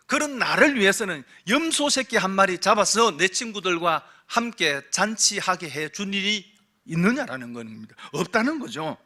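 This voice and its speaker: Bright-voiced preaching Korean pastor. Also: male voice. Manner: preaching with rhetorical questions, swinging from loud emphasis to hushed low tones. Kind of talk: sermon. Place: church sanctuary.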